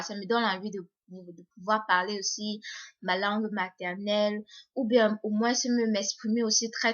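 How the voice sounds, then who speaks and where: In a mid-range, fairly bright voice, a young woman delivers a hesitant vlog monologue, frequently restarting and repeating words. The casual talk comes through slightly muffled, lo-fi audio.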